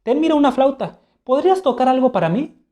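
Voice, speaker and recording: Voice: high voice, lively intonation, fast talker, warm tone, voice pushed up. A storyteller voicing a young prince who feigns madness, speaking in a raised, taunting, playful way. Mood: teasing.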